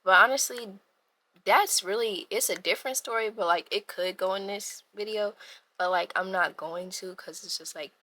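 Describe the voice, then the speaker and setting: Young woman, vlogger, storytime, animated, slangy, bright forceful voice. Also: medium pitch, moderate pace, slight background noise. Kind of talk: storytime vlog.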